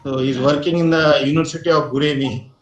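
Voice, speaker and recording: A man's voice: a little high, steady tone, quick pace. Man introducing himself as associate dean, keeps saying thank you, echoey call. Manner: courteous, repeats his thanks. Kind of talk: self-introduction on a video call. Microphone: video call. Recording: echoey video call audio.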